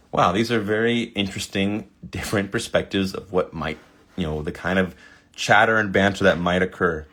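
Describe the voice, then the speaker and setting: A man's voice: low-pitched, fairly bright tone. A man reading AI video prompts aloud in a casual commentary, sometimes stumbling over words and reacting with delight. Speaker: video creator. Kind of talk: casual screen-recording commentary.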